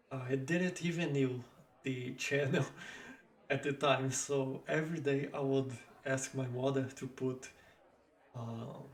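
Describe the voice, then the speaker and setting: A man rambling casually through nostalgic memories in halting phrases with small grammar slips. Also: mid-range voice, vocal fry. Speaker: vlogger reminiscing about old kids' shows. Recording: roomy, echoing sound.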